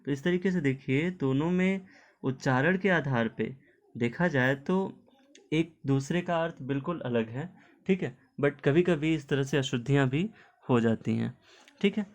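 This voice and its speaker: Patient Hindi teacher, man, mid pitch. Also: measured pace. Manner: explains patiently, repeating "ठीक है" often; mixes English words into Hindi. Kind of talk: online video lesson.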